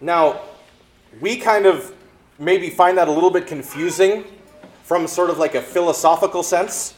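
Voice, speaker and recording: A man preaching a sermon, reading scripture and then explaining it with lively acted-out exchanges. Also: high voice, moderate pace. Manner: animated preaching, acts out exchanges in quoted voices. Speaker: pastor.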